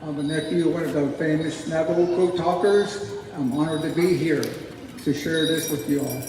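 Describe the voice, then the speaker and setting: A man's voice: fairly high pitch, fairly even intonation, normal speed. A man in his sixties, a Marine veteran, giving a brief formal introduction to a gathering. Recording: echoey hall, loud background noise.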